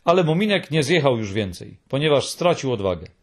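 Male narrator for a storybook; husky, animated delivery with lots of pitch movement. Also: a little fast. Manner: expressive reading.

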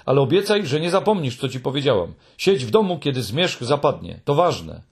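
A man voicing a calm, practical female creature who gives earnest warnings. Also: medium pitch, fairly quick, gravelly.

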